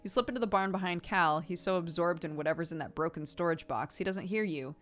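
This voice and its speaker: Woman streamer narrating over clear background music. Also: lowish voice, quick pace. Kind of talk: reading a story game aloud with casual live commentary.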